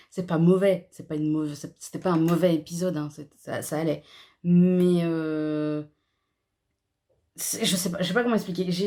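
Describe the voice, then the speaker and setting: Young adult woman, casual reviewer, slangy and offhand, a little low in pitch. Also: mellow. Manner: chatty and slangy, with frequent fillers, restarts and laughter. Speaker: YouTuber reviewing a TV episode. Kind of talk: casual chat.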